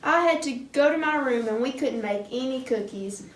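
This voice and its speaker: A woman's voice: high-pitched, close to an everyday voice. A woman voicing a clumsy, earnest little girl puppet in a church puppet skit, recorded from afar in an echoey room. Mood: sorry. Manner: slow, earnest, childlike. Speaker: puppet character in a kids class skit. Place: church classroom. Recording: roomy hall, mic far off.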